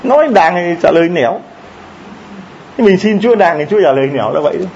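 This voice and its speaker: A man preaching a sermon in a lively, joking way, often asking the congregation questions. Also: high-pitched, fast talker, highs cut off, a little hiss or hum. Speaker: priest.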